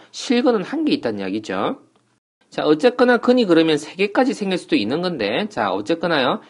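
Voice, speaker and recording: A man records an online math lesson from a small tutoring room. He explains step by step, often pausing to ask the viewer questions. His pitch rises and falls a lot.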